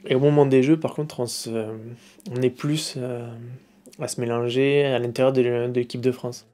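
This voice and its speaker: A man in his thirties talks in a measured, thoughtful way with some pauses. It sounds like a relaxed indoor interview. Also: mid-range voice. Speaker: fencer. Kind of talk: casual interview.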